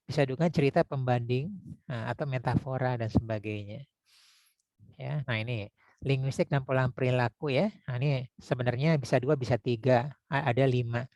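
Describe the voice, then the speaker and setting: A man teaching public speaking in a casual lecture, talking conversationally with frequent tag words and demonstrating deep and high vocal tones. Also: moderate pace, darkish tone, no room sound. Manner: conversational, frequent "ya" and "gitu ya" tags.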